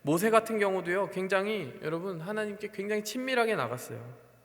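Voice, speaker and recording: A man's voice: high-pitched, animated, brisk, a bit bright. A male pastor preaching a sermon to young adults in a church, acting out quoted prayers with sighs and laughter. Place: church sanctuary. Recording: long hall reverb.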